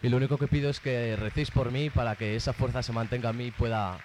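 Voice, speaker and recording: A man's voice: mid-range voice, steady tone, fast talker, a little mellow, a little hiss or hum. A young man with a Spanish accent from Spain gives a rambling, colloquial and heartfelt religious testimony at a retreat. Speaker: retreat participant giving testimony.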